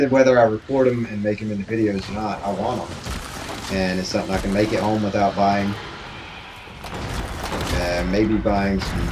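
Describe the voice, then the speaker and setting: A man with a fairly low voice talks casually to his viewers while he plays, rambling and easygoing and breaking into laughs often. He speaks into a desk microphone in his home streaming room. A steady hiss runs under the recording. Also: low-quality recording. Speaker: variety game streamer.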